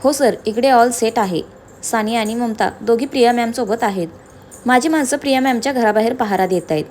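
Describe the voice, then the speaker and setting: A woman voicing a calm dutiful male aide. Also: fairly high pitch, fairly quick, a little hiss or hum, lightly acted. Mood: reassuring.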